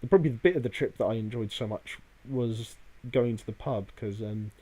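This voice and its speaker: A man co-hosts a casual podcast chat. He talks in a rambling, hesitant way, leaning on filler phrases as he goes. His pitch sits in the middle range for a man. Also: brisk, warm tone, breathy edge, rough recording. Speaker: podcast co-host. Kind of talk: casual chat about a day out.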